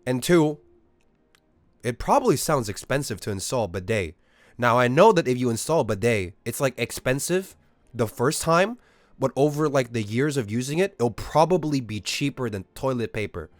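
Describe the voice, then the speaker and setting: A man's voice: mid-range voice, animated, normal speed, no room sound. A young man, ranting in a casual, profane way at his live-stream chat. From Australia. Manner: incredulous, profane, exaggerated ranting.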